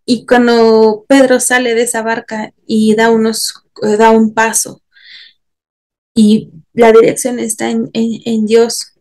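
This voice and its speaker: A woman's voice: a little high, completely flat delivery, slow, darkish tone. A woman with a Mexican Spanish accent teaching a church Bible course, earnest, often asking rhetorical tag questions.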